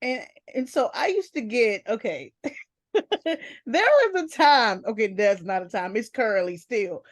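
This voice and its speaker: A woman's voice: mid-range voice, animated, measured pace, dry recording, clean studio sound. A woman from South Carolina hosting an interview, chatty and familiar, teasing her guest in a friendly way. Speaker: interviewer, magazine host. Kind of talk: casual interview chat.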